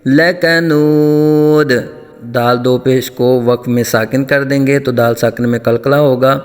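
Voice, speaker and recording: A man teaching tajweed, explaining rules in quick speech and then chanting verses slowly and melodically. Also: mid-range voice, little pitch movement, smooth. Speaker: Quran recitation teacher. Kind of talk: tajweed lesson with chanted recitation. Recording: long reverb, faint music.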